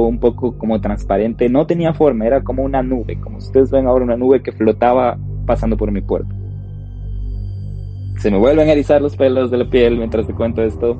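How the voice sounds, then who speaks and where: A man tells a personal ghost story to podcast listeners, slowly and with suspense. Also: mid-range voice. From Ecuador. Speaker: podcast co-host. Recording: dull lo-fi sound with faint music.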